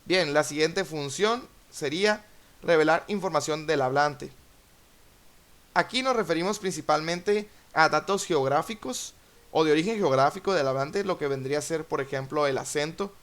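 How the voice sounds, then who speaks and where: A young man talks through an educational podcast episode. His voice sits a little high for a man. He explains in a steady, lecturing way and pauses on filler sounds as he goes. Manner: measured, lecturing with frequent fillers. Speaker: podcast host, Spanish teacher.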